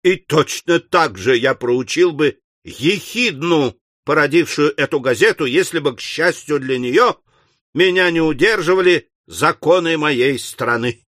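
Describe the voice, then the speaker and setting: Audiobook figure: man playing a self-important editor, lofty and slow. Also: fairly high pitch, animated, a bit bright, no room sound, studio quality. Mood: pompous. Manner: pompous, formal denunciation. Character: pompous, indignant male newspaper editor.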